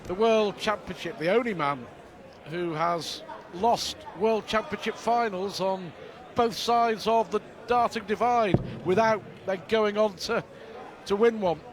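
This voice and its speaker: Male sports commentator, high-pitched, analytical and chatty, working over a clearly audible arena crowd. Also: unhurried. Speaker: darts commentator.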